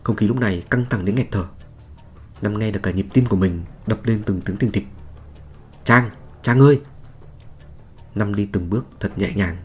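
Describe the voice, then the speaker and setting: A man with a fairly low voice narrates a horror story in a dramatic, suspenseful way. Faint music plays underneath his scripted storytelling. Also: steady tone, brisk, a little mellow, breathy edge.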